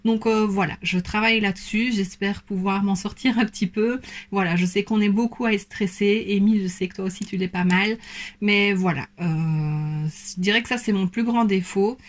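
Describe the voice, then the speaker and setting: Hesitant Belgian woman chatting softly. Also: medium pitch, moderate pace. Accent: Belgian French. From Belgium, Liège province. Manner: hesitant, many fillers, soft and self-conscious. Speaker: beauty YouTuber. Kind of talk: casual Q&A vlog.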